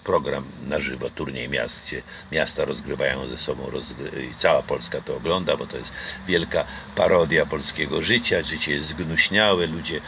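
Extremely low and gravelly, an older Polish man's voice moves at a moderate pace during a casual outdoor interview on a garden patio. His talk is reflective and hesitant, laced with fillers and restarts. A nearby camera captures it amid background noise.

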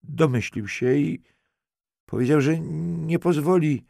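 A man's voice: medium pitch, expressive, unhurried, creaky, darkish tone, no room sound, voice pushed up. A man reading a young woman, teasing at first and later frightened and close to tears. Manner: teasing, then pleading and breathless.

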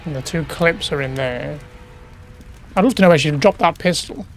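Over faint background music, a man with a voice on the high side talks at a moderate pace. He's a gaming YouTuber casually narrating a horror game let's play, quietly asking himself questions while exploring.

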